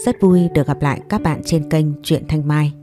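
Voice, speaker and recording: A woman host narrating a romance story in a calm, even storytelling manner. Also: low-pitched, moderate pace, faint music behind.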